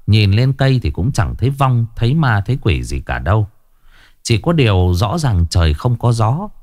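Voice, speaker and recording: A man narrating a ghost story with a lively storytelling delivery. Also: medium pitch, no echo, clean studio sound.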